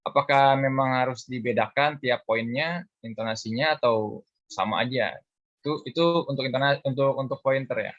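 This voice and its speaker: A man's voice: medium pitch, normal speed, fairly bright tone, dry recording. A man, a webinar participant, asking a hesitant question about voice-over intonation. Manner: hesitant, searching for words. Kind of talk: casual question on a call. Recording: dull online call audio.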